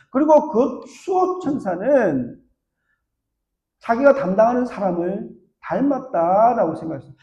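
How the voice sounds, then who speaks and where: A man's voice: dark tone, dull audio. A man preaching a sermon as pastor, telling stories and acting out the voices of the people in them. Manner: storytelling, acts out voices with big pitch swings. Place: church sanctuary. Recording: echoey church room.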